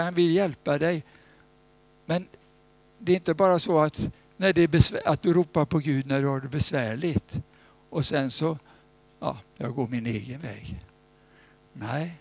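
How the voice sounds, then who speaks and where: A man preaching an informal sermon, telling stories in a conversational way and breaking into loud, pleading cries. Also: fairly high pitch, no echo.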